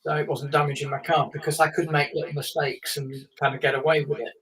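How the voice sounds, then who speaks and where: A former racing driver from England in his late fifties guests on a live chat, spinning long stories full of fillers and small laughs. His voice is on the high side, flat, fast, and a bit bright. The mic is distant and the recording quality low.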